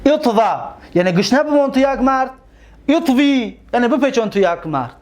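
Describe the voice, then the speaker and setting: A man with a Tajik accent and a high voice teaches grammar. He chants long lists of word forms in steady rhythm and checks his students with questions. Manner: drills conjugations aloud, repeats and quizzes listeners. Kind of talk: Arabic grammar lesson.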